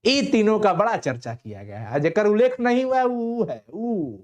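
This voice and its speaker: Quizzing teacher with twang. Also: male voice, sits high, sing-song, normal speed. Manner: quizzing, repeating answers, playful Bhojpuri-tinged asides. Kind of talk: live online exam-prep lesson.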